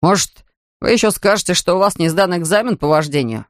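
A man voicing a weary policeman, lowered voice, official tone, dry close recording, storybook audiobook. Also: animated, brisk, no echo. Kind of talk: audiobook character voice.

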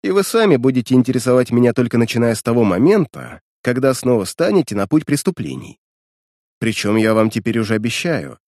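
A man's voice: medium pitch, darkish tone, no room sound, clean studio sound. A man voicing a cold, scornful male detective as he reads a detective story aloud, speaking in a stern, clipped way.

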